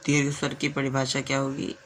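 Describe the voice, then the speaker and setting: A man teaching the alphabet in a slow classroom way. He repeats sounds, asks the class questions and writes on a board as he goes. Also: mid-range voice, completely flat delivery, a bit bright, a little hiss or hum. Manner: stops to write on a board while talking. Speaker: Hindi teacher.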